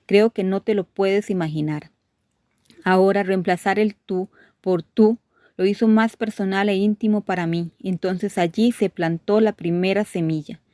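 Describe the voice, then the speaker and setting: In a mid-range voice, a woman reads a devotional course aloud and shares testimonies, keeping a steady, measured pace with gentle emphasis. The recording is dry and of studio quality.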